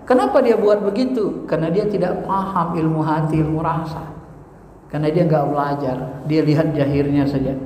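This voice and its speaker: A man preaching a religious lecture in an animated way, posing rhetorical questions and answering them himself. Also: sits high, a little hiss or hum. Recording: echoey hall reverb.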